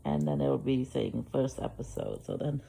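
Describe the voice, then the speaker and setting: A freshly woken woman chats in a slow, meandering way on her living-room couch, with a gravelly, fry-heavy voice that sits low and dark. She trails off, restarts and fills gaps with soft "ums" and chuckles. Faint room noise sits quietly behind her. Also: rough recording. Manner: rambling and hesitant, many fillers, soft chuckles. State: groggy, just woke up. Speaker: vlogger. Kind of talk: casual morning vlog.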